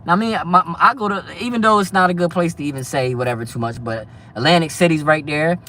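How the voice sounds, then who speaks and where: A fast-talking man in his thirties from New Jersey, chatting loosely on a live stream. His voice sits a little high for a man, and he peppers everything with street slang and "you feel me.". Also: sharp tone, distant mic, a little hiss or hum. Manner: fast, loose street talk, constant "you know what I mean". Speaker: livestream host. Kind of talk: casual live-stream chat.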